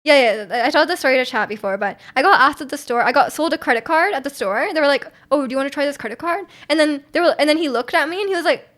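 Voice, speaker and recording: A woman's voice: high voice, fast, hardly any pauses, fairly bright tone. A woman in her twenties streaming, chatting casually and reading viewer messages, giggly and talkative. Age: 20s. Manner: giggly, chatty, often laughing.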